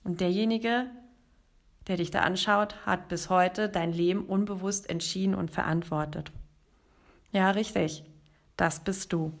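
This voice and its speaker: A life coach hosts a motivational podcast, speaking emphatically and directly to the listener as she weaves storytelling into her monologue. Her voice is lowish and steady, with a measured pace and long pauses.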